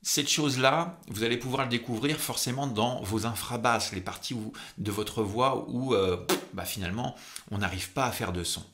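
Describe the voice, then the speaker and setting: A man's voice: medium pitch, normal speed, fairly bright tone. A man giving an informal vocal technique lesson as a singing coach, conversational and instructional, drawing out key words for emphasis.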